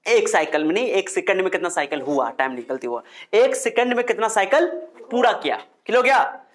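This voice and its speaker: A man's voice: high voice, sing-song, brisk. A male physics teacher lecturing a classroom, repeating key terms and firing questions at his students.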